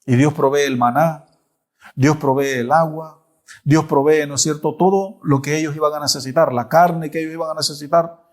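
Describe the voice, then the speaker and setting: A man preaching a Bible study, telling the story with lively asides. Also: fairly high pitch, normal speed. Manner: animated storytelling with repeated asides.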